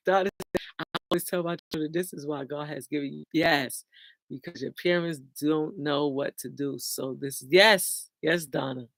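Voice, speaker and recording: A woman's voice: sits low, lively intonation, unhurried, fairly bright tone, no echo. A middle-aged woman, talking casually and bluntly to viewers on a livestream and laughing often. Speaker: livestream host.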